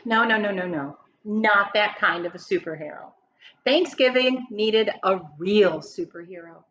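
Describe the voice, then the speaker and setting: A woman gives an expressive read-aloud of a children's picture book, teacher-style, with dramatic emphasis and questions aimed at her listeners. Her medium-pitched voice is fairly bright and measured, but the recording is muffled with a slight hiss or hum.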